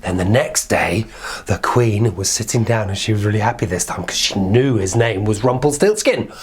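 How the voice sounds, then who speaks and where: A man with a lowish voice and lively intonation tells a children's fairy tale at a normal speed. He improvises playfully and conversationally, repeating words for emphasis like a children's storyteller.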